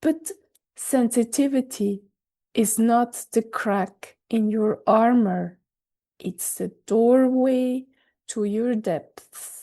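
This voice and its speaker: Slow, soft-toned woman podcaster. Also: on the high side. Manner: slow, gentle, reassuring delivery. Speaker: podcast host. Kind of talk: scripted reflective monologue. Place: recorded in Switzerland.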